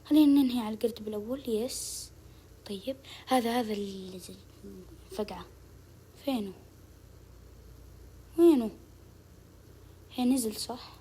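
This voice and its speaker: A channel host giving casual gameplay commentary, urging the game on with quick repeated words. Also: medium pitch, warm tone, slight background noise.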